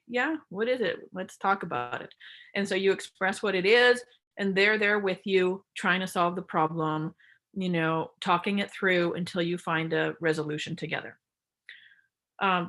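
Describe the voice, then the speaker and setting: A woman's voice: medium pitch, fairly bright tone. A woman giving a psychology workshop lecture, explaining casually and acting out short example quotes.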